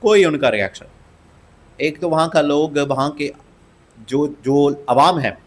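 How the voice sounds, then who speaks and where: A man's voice: on the high side, slow pace. A man giving opinionated political commentary, emphatic and scornful, and he repeats phrases for stress.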